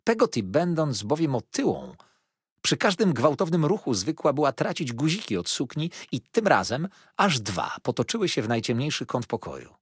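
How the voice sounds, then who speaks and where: Husky male audiobook narrator, very expressive. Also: mid-range voice, moderate pace, no echo, clean studio sound. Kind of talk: scripted narration.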